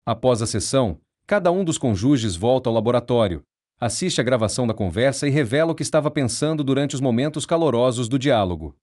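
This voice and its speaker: A man reading a nonfiction book aloud in a measured, steady, explanatory way. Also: medium pitch. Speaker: audiobook narrator.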